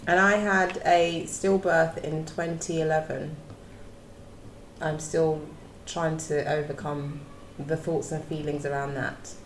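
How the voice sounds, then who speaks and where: A low-voiced woman co-hosts a podcast and speaks in a calm, reflective way. Her voice rings in a roomy, echoing space. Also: slow pace, a little hiss or hum. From Uganda, raised in London. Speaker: podcast co-host. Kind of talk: podcast discussion. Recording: roomy echo.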